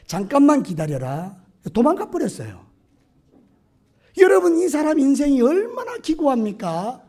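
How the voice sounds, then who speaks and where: Lively, high-pitched pastor preaching. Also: male voice. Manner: animated storytelling with acted-out quotes. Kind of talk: sermon. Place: church sanctuary.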